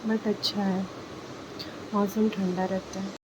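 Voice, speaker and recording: A young woman chatting casually at home in a vlog, talking slowly and softly as she wakes up. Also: mid-range voice, lo-fi sound. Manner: sleepy, slow and soft-spoken. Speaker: vlogger. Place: dim home at morning. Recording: steady background noise. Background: rain.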